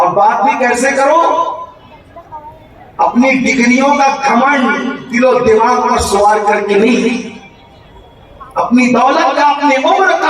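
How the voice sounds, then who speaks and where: A man preaching an impassioned sermon at a religious gathering, declaiming fervently and often breaking into shouts. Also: sits high. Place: religious gathering for a graduation ceremony. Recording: echoey hall sound from far off with crowd.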